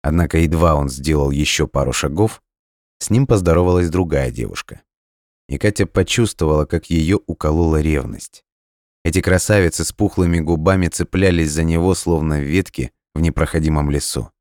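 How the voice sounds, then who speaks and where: A man narrating an audiobook in measured, even storytelling. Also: rumbling low, dry recording, studio quality.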